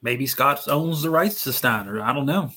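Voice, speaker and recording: A man joining a casual wrestling chat with quick, excitable asides. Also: medium pitch, breathy edge.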